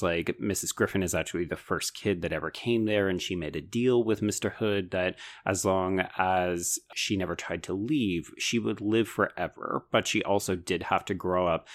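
A man with a lowish voice co-hosts a podcast. He talks through a book in a relaxed but eager and analytical way. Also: normal speed, few pauses. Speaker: podcast co-host. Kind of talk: casual book discussion.

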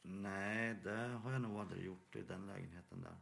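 A man's voice: deep voice, gravelly, a bit bright, slight background noise. A man co-hosting a podcast, telling a ghost story in hesitant casual chat. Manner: hesitant, with fillers and restarts. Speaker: podcast co-host.

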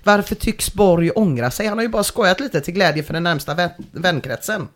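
Brief: podcast host, animated delivery, sarcastic and laughing often, casual comedic reading of forum posts. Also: mid-range voice. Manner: dry, sarcastic commentary with frequent laughter.

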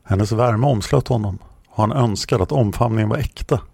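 Low, gravelly man narrating a story. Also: a little mellow, no room sound, studio quality. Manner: measured, somber storytelling. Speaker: audiobook narrator. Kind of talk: scripted narration.

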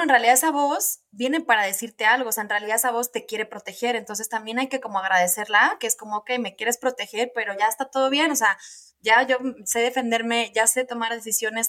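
A chatty, energetic woman speaks as a guest on an interview podcast. Her voice is bright and sits a little high, and she keeps dropping casual "ok"s and "¿no?"s as she talks. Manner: energetic, chatty, peppers speech with "ok" and "¿no?". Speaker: podcast guest, neuropsychologist and coach. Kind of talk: conversational interview.

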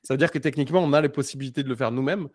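A man's voice: medium pitch, rapid-fire, darkish tone, dry recording, studio quality. A man co-hosting a podcast in casual chat, rambling through stories and dropping to a mumble at phrase ends. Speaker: podcast co-host.

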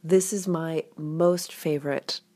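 A woman's voice: low-pitched, steady tone, slow pace, mellow. A woman hosting a podcast, talking casually and candidly to the listener, often letting phrases drop to a near-whisper. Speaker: podcast host.

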